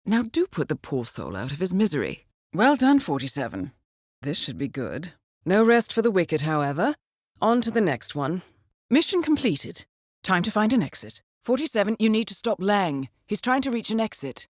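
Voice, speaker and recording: In a video game, a coolly professional handler, voiced by an actress, briefs an assassin with composed formality and dry understatement. Her mid-range voice is very animated at a moderate pace with no echo, shifting from dryly approving to urgent and controlled.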